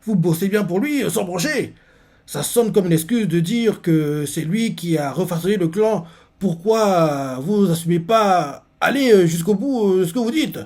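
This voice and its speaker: A man voicing a brash young male warrior captain in a manga, reading his lines aloud with loud indignant outrage and coarse words. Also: on the high side, normal speed, pitched above the performer's own voice, lightly acted.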